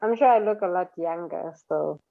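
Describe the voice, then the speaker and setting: A woman's voice: lowish voice, moderate pace, vocal fry, dry recording. A woman in her thirties from South Africa, a cheerful interview guest who laughs often. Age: 30s. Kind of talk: interview over a call. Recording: slightly dull sound.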